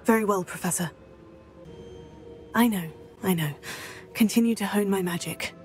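A woman voicing a young student witch speaks politely at a mid pitch. Game music hums faintly behind. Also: moderate pace, darkish tone, lightly acted. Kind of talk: video game dialogue.

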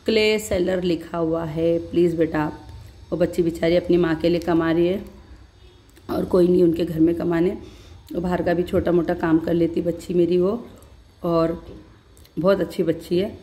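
A woman's voice: fairly low pitch, little pitch movement, moderate pace, dark tone. Chatty woman telling a story while chewing. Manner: chatty storytelling, calls viewers "beta". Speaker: vlogger. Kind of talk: casual chat to viewers.

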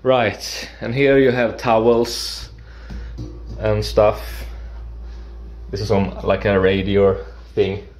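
With faint music in the background, a low-voiced man slowly shows viewers around his small apartment's bathroom and kitchen, wearing an action camera. His tone is level and somewhat dark, and his casual narration is halting, with false starts and playful side comments.

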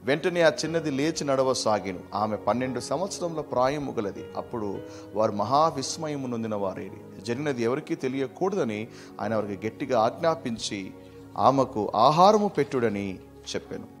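A man teaching a verse-by-verse Bible study, preaching emphatically and swinging between loud bursts and soft asides. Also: mid-range voice, lively intonation, moderate pace, faint music behind.

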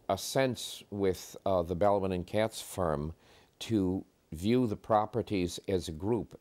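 A man with a very low, dark voice explaining analytically in a documentary interview.

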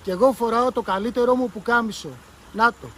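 A man voicing an eager young boy in a read-aloud story, speaking with excitement. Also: very high voice, a little hiss or hum, voice pushed up.

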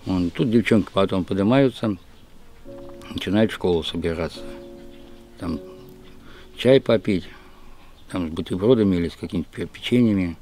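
A man's voice: low voice, normal speed, long pauses, warm tone, soft background music. A middle-aged man from Russia talking plainly and matter-of-factly about his daily routine, outdoors in a village yard. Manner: plain, matter-of-fact, folksy. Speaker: village father, interviewee. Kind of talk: casual chat.

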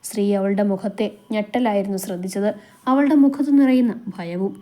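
A woman reading a romance story aloud as a storyteller, in a steady, emotive manner. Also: mid-range voice, fairly quick. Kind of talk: scripted narration of a romance story.

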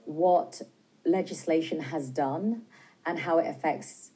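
In a TV news studio, a woman in her forties from Britain, a film director, responds to interview questions with earnest, measured care and occasional hesitation. Her low voice is mellow and husky, picked up by a lapel mic, and the audio quality is poor.

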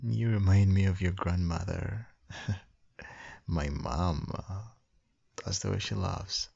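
In soft, intimate boyfriend ASMR acting, a performer voices a loving husband and father with a very deep, husky, creaky voice. Expressive and doting, he murmurs slowly and hums gently, though the audio is dull.

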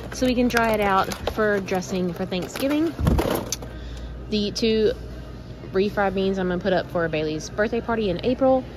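A woman's voice: mid-range voice, background noise. A woman in a casual shopping haul vlog, chatting through her purchases and adding up prices and savings. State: out of breath. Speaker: vlogger.

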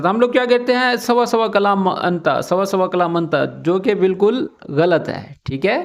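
A man with a Pakistani Urdu accent giving a casual Arabic lesson, repeating each phrase slowly and often checking in with the listener. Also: high-pitched. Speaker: Arabic teacher. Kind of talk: casual spoken language lesson.

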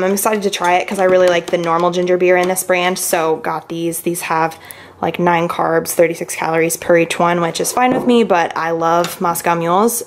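A young lifestyle vlogger shows off her grocery haul at her kitchen counter, chatting in a lowish voice that's upbeat and packed with fillers. She holds the camera at arm's length, and there's slight background noise.

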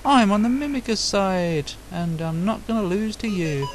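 A man's voice: lively intonation, normal speed, a little hiss or hum. A man reading a defiant robot girl. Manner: reads the game's text boxes aloud, pitched up. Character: tough young female robot girl, protective. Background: loud game music.

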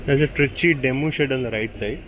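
An Indian train travel vlogger chats casually about the trains he passes, standing by an open door on a moving train and filming on a handheld camera. He points things out with plenty of fillers, speaking at medium pitch and a little fast, with train noise behind him.

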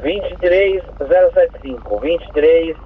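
A man's voice: a little high, animated, unhurried, slight background noise. A man with a Brazilian accent working as a police radio dispatcher, formally and courteously reading out codes and numbers over two-way radio. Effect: two-way radio transmission. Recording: tinny narrow-band police radio.

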